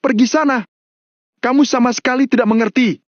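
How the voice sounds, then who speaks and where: Man doing a raging young man, high-pitched yelling, dull muffled recording. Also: fairly even intonation, a little fast, no echo. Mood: shouting. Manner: shouting, raging. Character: furious young man with a knife.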